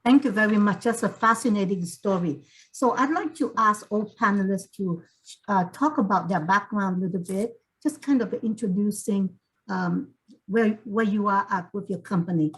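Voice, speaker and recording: A woman's voice: medium pitch, moderate pace, poor audio. A woman moderating a panel interview, formal and encouraging as she thanks speakers and introduces the next one.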